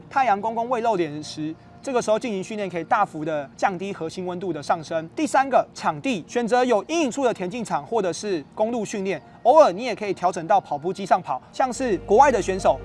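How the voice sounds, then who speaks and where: Male coach, Taiwanese Mandarin accent, high voice, brisk pace, upbeat instructional podcast delivery. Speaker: running coach and host. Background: faint music.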